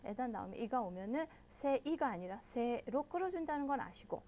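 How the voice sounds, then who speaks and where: Woman, language teacher, high voice, patient step-by-step explanations, frequent check-ins. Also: lively intonation. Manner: models pronunciation slowly and loudly. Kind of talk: online language lesson.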